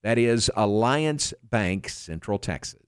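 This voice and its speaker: A man delivering a high-energy retail commercial in an excited, emphatic prize-announcer manner. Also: slow, heavy background noise. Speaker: advertisement announcer.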